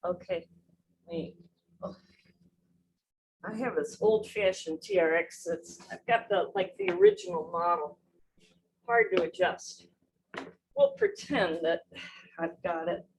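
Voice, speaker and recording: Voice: medium pitch, very animated, measured pace, long pauses, a little hiss or hum, poor audio. A training client chatting and joking while asking questions during a workout. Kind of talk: casual chat during a workout.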